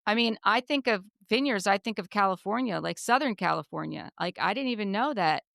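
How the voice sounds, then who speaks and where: Woman host recapping a tv episode, chatty, dry close mic, mid pitch. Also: brisk, gravelly, no room sound. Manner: chatty, retells scenes with animated quotes. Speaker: podcast host. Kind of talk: casual recap chat.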